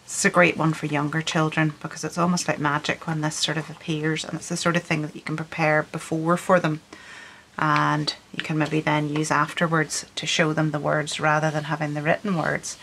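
A middle-aged Scottish woman with a Northern Irish accent bearing faint Scottish traces patiently explains a craft workshop step by step, an artist giving an instructional tutorial in an indoor room with storage shelves. Her low voice is level, a bit bright and a little fast. The rough recording has slight hiss or hum.

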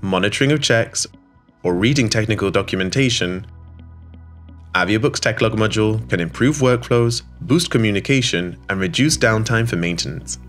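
A man with a slightly low voice narrates a scripted promo in an even, polished studio read. Soft music plays quietly behind him. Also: normal speed. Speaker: voice-over narrator. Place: studio voice-over. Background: soft background music.

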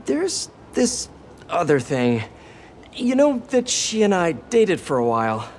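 An actor playing a young, wisecracking, anxious superhero in a video game, with an American accent and a rambling, self-questioning manner. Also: male voice, sits high, huge pitch swings, slow, slight background noise, full character voice. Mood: nervous, rambling. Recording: music behind the voice.

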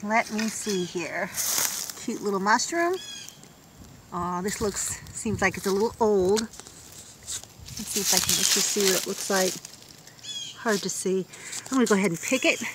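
A woman's voice: medium pitch, measured pace, long pauses, background noise. Chatty woman on an outdoor phone walk. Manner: chatty, wondering aloud, easily delighted. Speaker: vlogger. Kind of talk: casual walk-and-talk vlog. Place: outdoors in woods and fields. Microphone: handheld phone camera.

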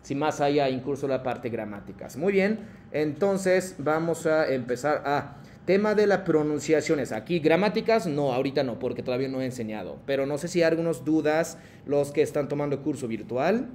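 With slight background noise behind him, a male Japanese teacher runs an online class at a moderate pace. His voice is a little high and a little mellow, with lively intonation. He patiently calls on students by name and inserts Japanese prompts into explanations given in Spanish.

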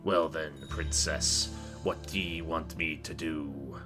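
A man playing a calm, honorable young samurai warlord in a visual novel, speaking in a measured, resigned way. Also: a bass voice. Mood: calm, firm. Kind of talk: visual novel character dialogue. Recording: background game music.

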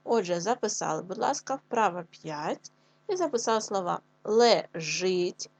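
Breathy woman teaching young children. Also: mid-range voice, expressive, no room sound, lo-fi sound. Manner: slow, clear dictation with stressed syllables. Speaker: primary school teacher. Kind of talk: online lesson for children.

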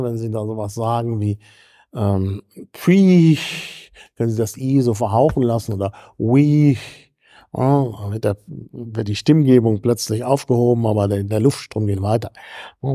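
A man with a German accent giving a university lecture, with many fillers, throat-clearing, self-corrections and tag questions to the students. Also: mid-range voice, dark tone, dry recording, clean studio sound.

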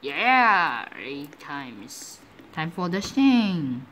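Woman, gaming commentary, slow-paced, animated, giggly and excitable. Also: sits low, a little hiss or hum. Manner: giggly, excitable, mixes in English exclamations. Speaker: gaming YouTuber. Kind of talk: casual game commentary.

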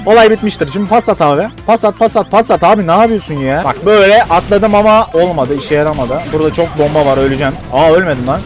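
A young man doing excited, slangy gaming commentary, shouting and repeating himself. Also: on the high side, quick pace, hardly any pauses. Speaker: gaming YouTuber. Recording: faint music behind.

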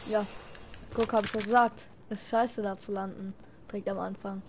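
A woman's voice: medium pitch, flat delivery, moderate pace. Insistent woman teammate, noisy audio. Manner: insistent, bossy with instructions. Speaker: teammate in the game. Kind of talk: casual gaming chat.

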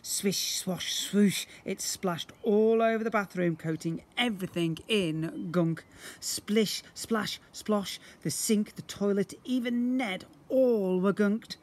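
A phone or camera at roughly arm's length records a man with a high voice reading slowly to young children outside near brick houses. His animated read-aloud is expressive, with sound effects acted out.

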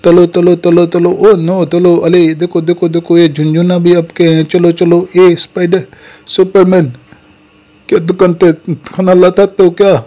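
A man's voice: high-pitched, monotone, unhurried, mellow. A man narrating playful toy play in a childlike, lisping way, repeating little calls to look and come on over and over.

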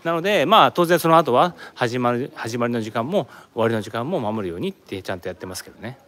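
A man from Japan chats on a live stream as he walks outdoors. His talk rambles, and he breaks off to answer viewer comments. His pitch moves around a lot, at an average height for a man. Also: animated, quick pace, a bit bright. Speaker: live streamer, office worker in Korea. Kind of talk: casual live-stream chat while walking. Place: outdoors at a palace tourist site.

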